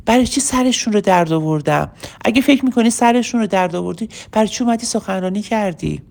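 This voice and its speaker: A woman's voice: medium pitch, gravelly. A middle-aged woman teaching public speaking. She asks rhetorical questions and acts out sample speeches to make her points. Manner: animated, rhetorical questions, plays out example speeches. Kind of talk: teaching talk, addressed to listeners.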